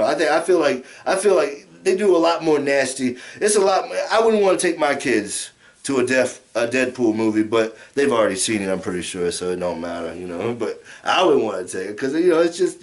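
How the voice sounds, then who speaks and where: A man's voice: mid-range voice, lively intonation, fairly quick. A middle-aged American man in a casual vlog rant, drunk, rambling and repeating himself, swearing heavily. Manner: heavily profane. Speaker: amateur movie reviewer.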